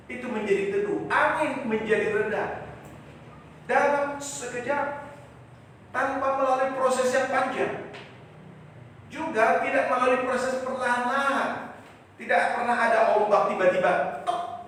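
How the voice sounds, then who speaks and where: A male pastor preaching a sermon, swinging from loud acted quotes to soft, quiet lines. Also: extremely high pitch, measured pace, long pauses, slight background noise. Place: large church. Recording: echoey church hall, voice from far off.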